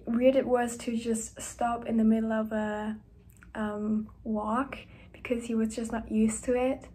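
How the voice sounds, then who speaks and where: Softly and with some hesitation, a young woman at university chats in a diary-style vlog, her voice a little high. She frequently drops down to a breathy, gentle whisper.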